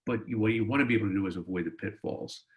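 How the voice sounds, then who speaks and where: A man's voice: lowish voice, rapid-fire, phone-quality sound. A man hosting a webinar, introducing a guest speaker in a rambling way with many fillers, over a video call. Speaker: webinar host.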